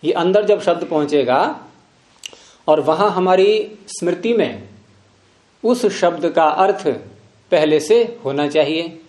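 High-voiced man teaching, echoey room. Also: slow, long pauses, darkish tone. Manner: questioning, repeatedly prompting with "hmm?". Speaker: yoga philosophy teacher. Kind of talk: classroom lecture with questions to students. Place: room with students present.

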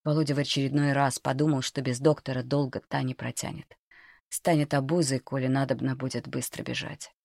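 A woman narrating a dark novel in a quiet, tense reading voice. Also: extremely low pitch, fairly even intonation, a little fast, vocal fry, dry recording, clean studio sound. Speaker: audiobook narrator. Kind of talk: scripted narration.

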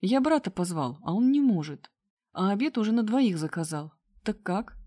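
A woman voicing a calm, friendly young male lecturer who speaks softly and a little unsure. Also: mid-range voice, normal speed, no echo, studio quality, natural voice. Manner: soft, slightly unsure.

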